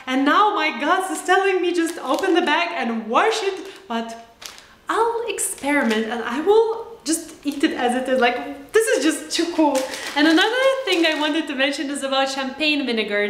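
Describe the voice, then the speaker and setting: High-pitched, excitable young woman in a roomy kitchen. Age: young adult. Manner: excited, giggly, expressive. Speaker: host of a home cooking challenge vlog. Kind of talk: casual chat to camera. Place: home kitchen, indoors.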